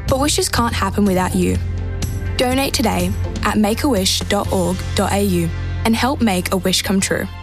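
A woman narrates a scripted charity appeal. Her voice is mid-pitched, with music clearly beneath it. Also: moderate pace. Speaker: advert narrator.

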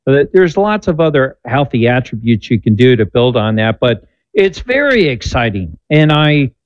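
A man's voice: mid-range voice, very animated, normal speed, no room sound. A man in his sixties, a doctor on a call-in show, giving upbeat coaching advice that turns preachy at times. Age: 60s. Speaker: doctor guest answering callers. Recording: dull slightly lo-fi sound.

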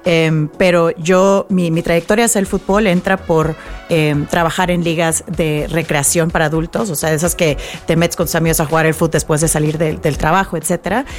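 A woman from Mexico with a Mexican accent, speaking as a guest on a radio interview, thoughtful and unhurried, with many fillers. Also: low-pitched, steady tone, faint music behind. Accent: Mexican Spanish. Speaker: guest, nonprofit executive director.

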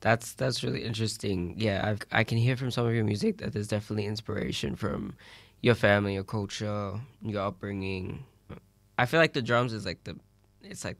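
A man's voice: fairly low pitch, fairly quick, vocal fry, no echo. A man interviewing a musician, curious and encouraging, asking long, open questions.

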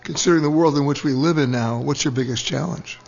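A man hosting a radio travel show, interviewing a guest with brisk, playful questions. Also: medium pitch, vocal fry, a little mellow, lo-fi sound.

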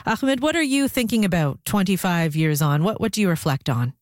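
A woman hosting a radio morning show, reading the time and introducing a guest in a clear, measured presenter's delivery. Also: on the low side, expressive, darkish tone, no echo. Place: radio studio.

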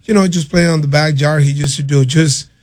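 A middle-aged man from Venezuela, answering interview questions haltingly and earnestly as a player's father. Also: on the high side, steady tone, darkish tone. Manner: halting, repeats words, earnest.

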